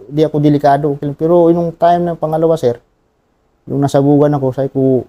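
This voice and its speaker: A Filipino man in his thirties, a wounded soldier telling his war story in an interview, talking plainly and haltingly and often adding a polite "sir". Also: on the high side, level tone, highs cut off. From Philippines.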